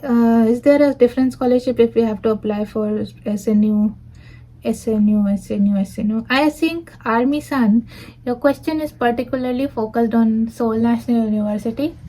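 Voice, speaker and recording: A woman's voice: fairly high pitch, moderate pace, dark tone, poor audio. A woman in her twenties with an Indian accent, reading out viewer questions and answering them patiently in a casual Q&A. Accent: Indian English. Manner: reads questions aloud then answers in a patient, advising way.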